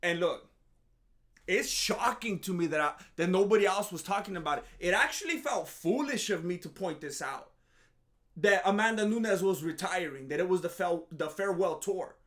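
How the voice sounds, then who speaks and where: An MMA commentary vlogger, groggy after a nap, rambles through a casual, joking monologue that's sarcastic and self-mocking, restarting often. His voice sits high and is fairly bright, with lively intonation at a normal speed.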